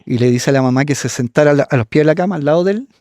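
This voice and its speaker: Middle-aged man, guest storyteller, halting and casual with fillers; dry, close phone sound outdoors. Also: on the high side, darkish tone, no echo. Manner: halting, many fillers, voices the people he quotes. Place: cold outdoor patio.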